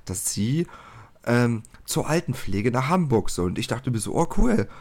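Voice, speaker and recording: A man's voice: medium pitch, animated, normal speed. Chatty man telling a story. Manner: chatty, colloquial, often says "halt" and "so". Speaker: podcast host telling a story. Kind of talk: casual storytelling.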